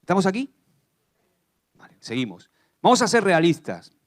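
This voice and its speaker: Man, Spanish accent, pastor preaching in church, fairly high voice, animated, questions to the congregation. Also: normal speed. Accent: Spanish from Spain. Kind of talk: sermon.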